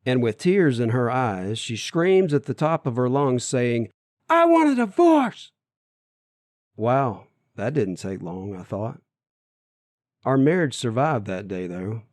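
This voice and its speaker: A man's voice: medium pitch, expressive, measured pace, hardly any pauses, a little mellow, dry recording. Earnest man reading his memoir, dry. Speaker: narrator of his own memoir. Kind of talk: audiobook memoir narration.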